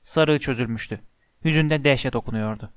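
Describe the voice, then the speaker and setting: A man narrating a storybook in an even, measured way. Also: medium pitch, clean tone, no room sound, studio quality. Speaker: audiobook narrator.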